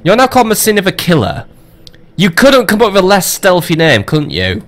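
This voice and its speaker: A man's voice: high voice, wildly swooping pitch, fairly quick. A man casually commentating on his strategy game as a let's play host, rambling with joking, swearing asides.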